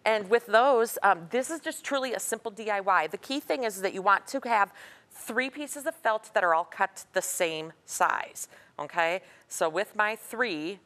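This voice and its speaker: A woman's voice: medium pitch, lively intonation, unhurried, a bit bright. A woman guest on a live morning TV show, chatting and explaining a craft project step by step. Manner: chatty, instructive, upbeat. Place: TV studio.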